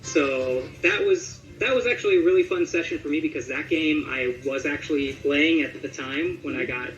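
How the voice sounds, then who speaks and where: A man gives a casual interview as a voice actor, chatting conversationally and thinking aloud with some hesitation. His voice is a little high and fairly bright, at normal speed, though the recording is muffled. Roomy echo and music sit underneath.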